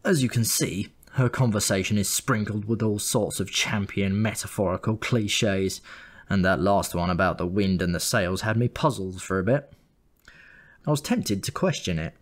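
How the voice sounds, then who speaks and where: This man's voice sits fairly low as he relates a comic tale about himself at a normal speed. His telling is dry and wry, much like a scripted audiobook.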